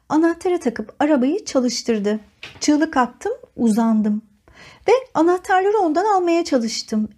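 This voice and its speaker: A woman narrating an audiobook chapter in an expressive, dramatic storytelling manner. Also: high voice.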